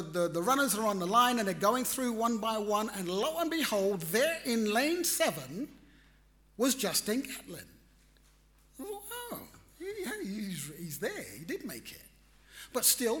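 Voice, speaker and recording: A man telling a personal story in a reflective, animated way, acting out his own reactions. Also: sits high. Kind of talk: storytelling talk.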